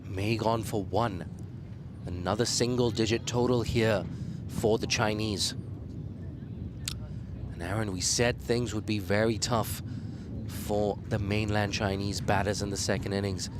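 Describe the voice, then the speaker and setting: A man commentating live on a cricket match, losing his voice and jumping up in pitch and volume whenever a wicket falls. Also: steady tone, measured pace, background noise. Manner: rises sharply in pitch and volume on wickets and appeals.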